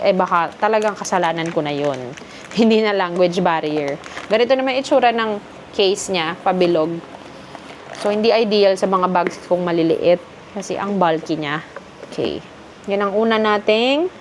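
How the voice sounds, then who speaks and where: A woman from the Philippines talks through her shopping haul in a relaxed, chatty way, moving easily between Filipino and English. Her voice sits at a middle pitch, with a faint hum of noise behind it. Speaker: vlogger. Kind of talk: casual haul vlog.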